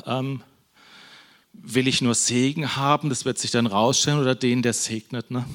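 A man's voice: medium pitch, a bit bright. A man giving a casual, conversational sermon in a church, often ending phrases with a questioning tag. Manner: conversational, frequent "ne?" tags. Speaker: preacher.

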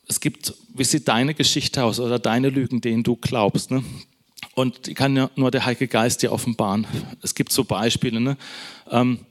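A man delivers a sermon in a chatty, encouraging manner, speaking directly to his listeners and ending many sentences with a quick question. His mid-range voice holds a steady tone.

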